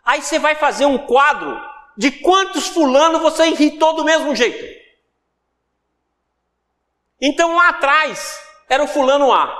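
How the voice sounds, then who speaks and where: A man with a very high voice and a Brazilian Portuguese accent teaches a recorded spiritual course. He speaks in a lively, conversational way, repeats phrases for emphasis and acts out everyday examples. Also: big-room sound. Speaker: lecturer on spiritual self-development.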